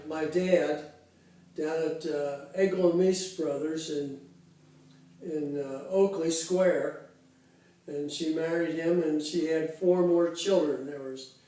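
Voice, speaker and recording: A man in his eighties from Cincinnati, Ohio, reminisces slowly with a soft, mellow tone that sits a little high for a man. He pauses often and fills gaps with "uh" and "um" as he recalls his life. He sounds distant from the mic in a very echoey room. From Cincinnati, Ohio, USA. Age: 80s. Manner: unhurried, halting, reminiscing with many fillers. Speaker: interviewee. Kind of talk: casual oral history interview.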